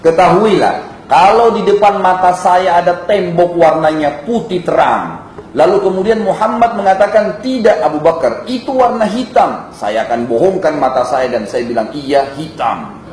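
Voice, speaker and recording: A man voicing a loud, steadfast companion, calling out. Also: sits high, lively intonation, roomy sound, voice pushed up, rough recording. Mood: defiant. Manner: loud declaiming, slow emphatic. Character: steadfast loyal male companion, fearless believer.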